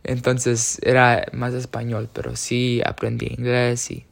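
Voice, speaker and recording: A man's voice: medium pitch, monotone, a little slow, gravelly. A young man from the United States speaking casually about his own experience, hesitant, with many fillers and self-corrections. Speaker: speaker sharing personal experience. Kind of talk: casual personal talk.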